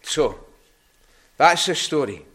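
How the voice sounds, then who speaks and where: A middle-aged man with a Scottish Hebridean accent, giving a conversational children's sermon as an animated story with questions to his listeners. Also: a little high, slow. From Harris, Scotland. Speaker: preacher giving a children's talk.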